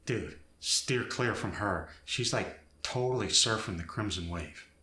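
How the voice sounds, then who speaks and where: A man's voice: fairly low pitch, unhurried, bright, forceful tone. A man playing a young, chill, dim nineties slacker with a Valley guy accent, drawling in valley-girl style with rising sentence ends and lots of "like" and "dude", as a comic demonstration. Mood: slangy, breezy. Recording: roomy echo.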